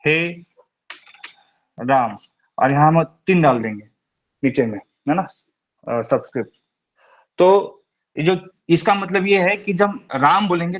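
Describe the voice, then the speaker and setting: Patient male teacher on a muffled call. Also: on the high side. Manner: patient, explains step by step, repeats checks like "है ना". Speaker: Sanskrit teacher. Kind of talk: online grammar class.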